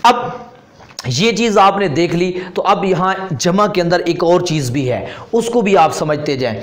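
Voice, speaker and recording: A man with a Pakistani Urdu accent teaches a grammar lesson at a steady classroom pace. His voice sits a little high for a man. He repeats each term and asks his listeners questions, then answers them himself. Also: unhurried. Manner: patient, repeats terms and asks rhetorical questions.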